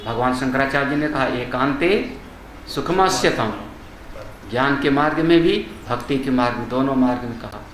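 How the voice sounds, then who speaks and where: An older man, a swami, giving a discourse on scripture, chanting Sanskrit verses slowly and then explaining them in conversational speech with rhetorical questions. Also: mid-range voice, a bit bright, a little hiss or hum. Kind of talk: Hindi discourse on Vedanta. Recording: echoey hall ambience.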